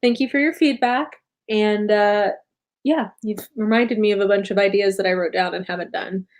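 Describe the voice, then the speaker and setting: A woman's voice: medium pitch, fairly even intonation, moderate pace. An American woman hosting a casual live stream about books, tired after a long day, rambling with many fillers and self-corrections and often laughing. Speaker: booktube host.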